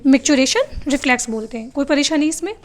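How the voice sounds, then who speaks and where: A woman's voice: sits high, fast talker. A woman teaching a biology class, who asks her students questions and answers them herself, often switching to English terms. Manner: calls her students "beta" and tells them to write things down. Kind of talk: classroom lecture.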